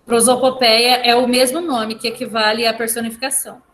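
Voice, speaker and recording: A woman's voice: on the high side, little pitch movement, fairly bright tone. Brazilian woman teacher in an echoey classroom. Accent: Brazilian Portuguese. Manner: explains slowly, often adding "tá?". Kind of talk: classroom lesson on poetry. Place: school classroom. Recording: echoey classroom, faint noise.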